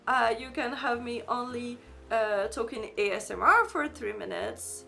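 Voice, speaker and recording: Over light game music, a high-pitched woman with a fried, gravelly, sharp voice chats casually and unhurriedly with her live-stream audience through a desk microphone. English isn't her native language, and she rambles while reading chat aloud, with frequent fillers and restarts.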